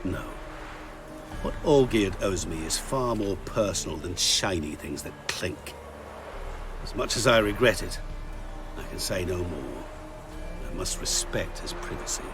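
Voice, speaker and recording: A male actor voices a courteous, cunning and mysterious video game dealmaker, speaking in eloquent, theatrical, formal phrases with deliberate pauses. His deep, expressive voice carries a silky persuasiveness over music.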